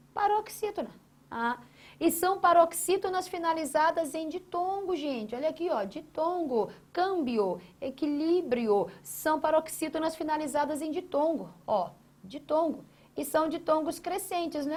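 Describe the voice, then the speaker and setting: A woman leads an exam-prep grammar lesson. She poses questions, then answers them herself. She drags out syllables slowly as she writes. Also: high-pitched. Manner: drawn-out syllables while writing on a board. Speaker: teacher.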